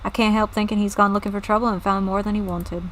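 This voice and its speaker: A woman voicing a gruff, blustery older male farm leader in a game. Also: mid-range voice, level tone, slow, warm tone, a little hiss or hum, natural voice, poor audio. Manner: blustery, old-fashioned insults.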